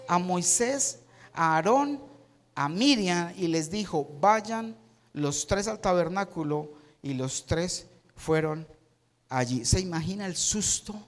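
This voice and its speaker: A man with a high voice preaches a sermon, throwing dramatic rhetorical questions at his listeners. His words ring out with a long reverb, as in a large church hall. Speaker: pastor.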